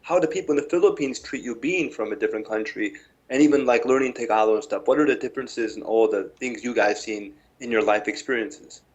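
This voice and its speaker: A man's voice: mid-range voice, quick pace, lo-fi sound. A man in his forties from Chicago, talking casually and asking questions as a caller to a talk show. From Chicago, United States. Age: 40s.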